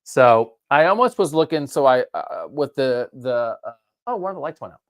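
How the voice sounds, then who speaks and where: Animated man talking college football. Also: normal speed, no room sound, studio quality. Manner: animated, pitch jumping up on emphasis. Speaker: co-host. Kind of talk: casual sports talk.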